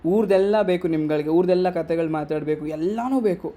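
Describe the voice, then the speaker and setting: A man's voice: high voice, brisk, dark tone. A young man with a Kannada accent giving a motivational workshop talk, scolding the audience with rhetorical questions. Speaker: workshop speaker.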